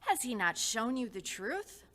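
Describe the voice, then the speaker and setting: A fervent, devout old man presses his case in a slow, earnest, preacherly cadence, as a woman puts him on. The voice is bright and drawn out, each plea lingering. He is set in a dramatized history story. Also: a little high, big pitch swings, pitched above the performer's own voice. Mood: insistent. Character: fervent devout older male host, insistent. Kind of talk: storytelling reenactment.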